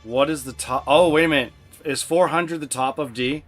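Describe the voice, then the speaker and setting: A man's voice: on the high side, normal speed. A man streaming a racing game and chatting casually with his son, thinking aloud as he works through the menus. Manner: easygoing, thinks aloud while picking menus. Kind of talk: casual gameplay livestream chat. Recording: faint music behind the voice.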